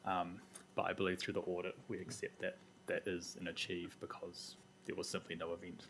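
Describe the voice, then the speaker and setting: A man's voice: sits low, flat delivery, a little fast, a bit bright, slight background noise. A man with a New Zealand accent, a council staff member giving a matter-of-fact answer at a meeting.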